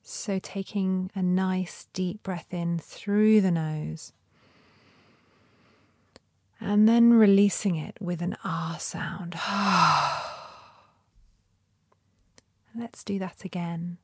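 Female meditation guide, lowish creaky voice, soft and breathy, soothing and unhurried. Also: dry recording, studio quality. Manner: gentle, soothing, unhurried instruction with long pauses.

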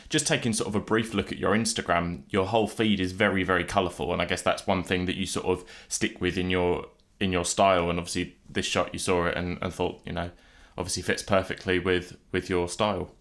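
Man, low voice, podcast host, casual conversational interviewing. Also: fairly bright tone.

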